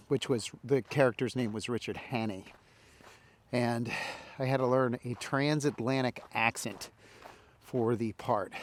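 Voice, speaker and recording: Guy, mid-pitch, loose chatty vlogger rambling while walking through a park outdoors. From Indianapolis, Indiana, US. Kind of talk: walk-and-talk vlog.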